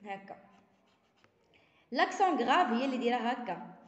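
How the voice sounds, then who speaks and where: A Moroccan woman teaches a primary-school lesson, reading each French sentence slowly and then explaining it in a quick run. Her voice sits a little high. The recording rings with long reverb, as in a bare, echoey room. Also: expressive, highs cut off.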